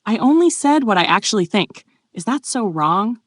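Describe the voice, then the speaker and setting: A woman's voice: medium pitch, sing-song, normal speed, no echo, pitched above the performer's own voice. A woman reading the part of a blunt, earnest young male duke in a plain, raised voice.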